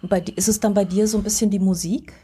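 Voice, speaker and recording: A woman's voice: mid-range voice, steady tone, quick pace, warm tone, slightly rough. A woman hosting an interview, asking questions in a hesitant, friendly way with many fillers. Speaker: interviewer, host. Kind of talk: conversational interview.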